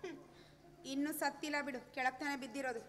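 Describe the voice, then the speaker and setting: A woman playing a cruel, hateful sister-in-law in a village stage drama, scolding harshly with loud music behind. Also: sits high, steady tone, fast. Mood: contemptuous.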